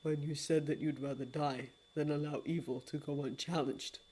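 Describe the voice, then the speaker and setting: Dream, a hushed grave dream lord, read by a woman. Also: sits low, fairly even intonation, moderate pace, breathy edge, pitched below the performer's own voice. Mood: solemn. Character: solemn immortal male lord of dreams.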